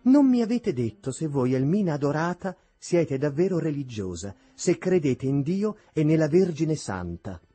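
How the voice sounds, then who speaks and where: A man's voice: mid-range voice, expressive, normal speed, darkish tone, breathy edge, dry recording. A man reading the lines of a fond, eager noblewoman, effusive and inquisitive. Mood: tender. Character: fond, eager aristocratic woman, gushing.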